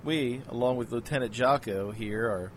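A man's voice: mid-range voice, moderate pace, a little hiss or hum, close to an everyday voice. A man playing a dry-witted special agent. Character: wry male special agent. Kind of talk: amateur audio drama acting.

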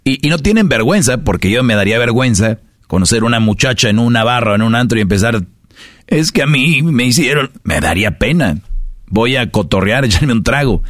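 A man's voice: lowish voice, animated, a little fast, no room sound, clean studio sound. A man with a Mexican Spanish accent hosting a casual podcast, lecturing his listeners with rhetorical questions. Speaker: podcast host.

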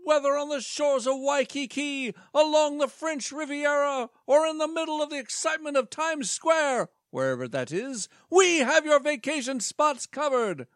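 A shrill, pompous salesman. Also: expressive, normal speed, hardly any pauses, fairly bright tone, no room sound, studio quality. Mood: salesy. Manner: grandiose sales-pitch delivery. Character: high-pitched pompous male timeshare salesman.

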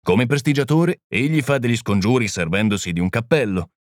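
A man reading the part of a small, gentle priest-detective who explains things calmly and patiently. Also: mid-range voice, a little fast, no echo, studio quality, lightly acted. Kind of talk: audiobook reading.

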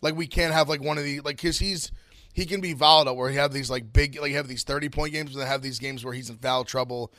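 A young man co-hosting a casual sports chat, talking haltingly and leaning heavily on "like.". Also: mid-range voice, steady tone, bright, forceful tone, dry recording, studio quality. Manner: halting, leans on "like" filler. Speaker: podcast co-host.

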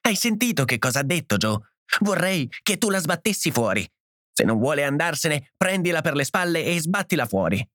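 A man doing a shrill, furious housewife. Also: animated, brisk, few pauses, dry recording, studio quality. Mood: livid. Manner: shrill, shouting. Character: furious, frantic housewife shouting a guest out.

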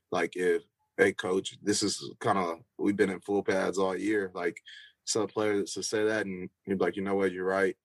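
A man's voice: sits low, no echo, rough recording. A young man, a football player, answering interview questions casually with lots of fillers and restarts. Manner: loose, rambling, with many fillers and restarts.

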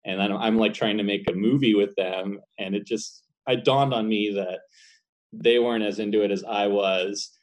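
A man, a paper cutout animator, talking casually in a relaxed, rambling way with frequent laughter. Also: lowish voice, normal speed, low-quality recording. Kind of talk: casual conversation.

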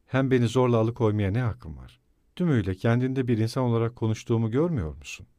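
A man voicing a feverish, bitter young male student who speaks low, tight and measured, in a dry audiobook recording. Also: lively intonation, darkish tone, no room sound, natural voice.

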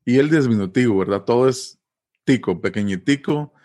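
A man from Costa Rica with a Costa Rican accent, explaining in a relaxed, patient way as an interview guest, often pausing with fillers and tag questions. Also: mid-range voice. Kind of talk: casual conversational explanation.

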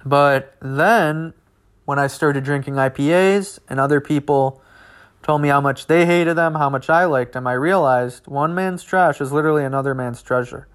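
A young man hosts a solo podcast, talking casually and wandering into asides as he goes. His voice sits a little higher than most men's. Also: normal speed. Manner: rambling and conversational, with asides. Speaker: podcast host.

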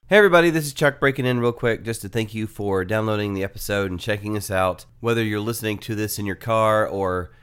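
A man's voice: fairly low pitch, quick pace, few pauses, a bit bright, clear, resonant tone. Nasal, joking podcast host man. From Atlanta area. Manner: joking, conversational, asides. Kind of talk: casual promo read.

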